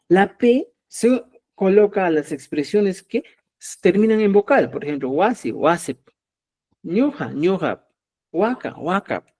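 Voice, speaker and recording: Patient teacher with a dark voice. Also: male voice, a little high. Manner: patient and explanatory, checks understanding with frequent "¿ya?"; repeats example words slowly, syllable by syllable. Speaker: Quechua language teacher. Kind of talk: live online class for teachers.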